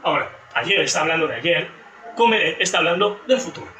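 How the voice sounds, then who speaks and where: A man's voice: a little high, animated, quick pace, pushed and bright. A man teacher giving a class presentation, explaining with examples and often correcting himself as he goes. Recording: echoey room from a distance with faint music.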